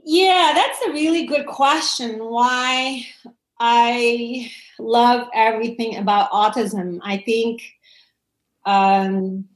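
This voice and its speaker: A slightly high, steady-toned female voice speaks at a slow pace: a parent coach from Indonesia in her forties, guesting on an interview. In a reverberant room, she answers casually, chatty and warm, laughing often and restarting frequently.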